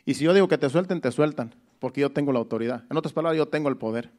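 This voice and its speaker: Man, preacher, Sunday sermon, slightly high voice, repeats phrases, explains verses plainly. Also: very fast, darkish tone.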